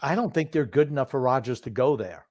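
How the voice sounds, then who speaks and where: A man's voice: mid-range voice, lively intonation, quick pace, darkish tone, dry recording, studio quality. A middle-aged or older man hosting a sports talk show, commenting casually and with firm opinions, reminiscing and repeating phrases for emphasis. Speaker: sports talk show host known as the grumpy old man.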